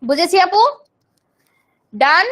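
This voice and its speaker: A young woman from Bangladesh leads a live online English grammar class. Her voice sits high and clear. She explains each term patiently and answers students' comments as they come in. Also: animated, slow pace, a bit bright. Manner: explains terms in Bengali, reads student comments aloud.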